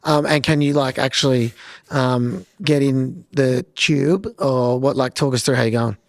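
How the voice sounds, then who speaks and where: A man's voice: mid-range voice, steady tone, a little slow, dry recording. A man hosting a podcast, asking curious questions with a joking, easygoing manner. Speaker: podcast host. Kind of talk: casual interview chat.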